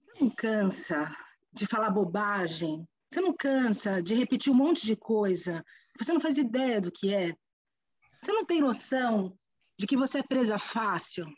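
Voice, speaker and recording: A woman's voice: medium pitch, expressive, normal speed, no room sound, close to an everyday voice, rough recording. A woman playing an exasperated woman who insists and repeats herself, thinking aloud over a video call. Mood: arguing. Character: exasperated woman fed up with nonsense. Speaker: theatre workshop participant.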